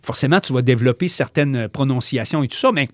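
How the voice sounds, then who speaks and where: A man's voice: mid-range voice, fast talker, no echo, clean studio sound. A man with a Quebec French accent, co-hosting a talk show and explaining a science topic in a casual, rambling way. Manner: explanatory, many fillers and restarts, lively.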